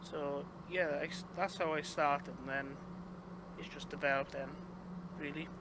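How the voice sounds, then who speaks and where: A young Welsh game developer chats casually as an interview guest, rambling through fillers and restarts. His voice is a little high, with fairly even intonation and a measured pace. There's noise in the background.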